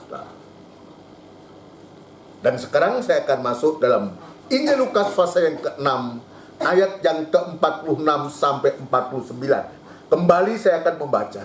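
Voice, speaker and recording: A man preaching a sermon, emphatic, repeating his phrases and climbing high when he quotes. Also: roomy sound, slight background noise. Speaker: pastor. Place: church hall.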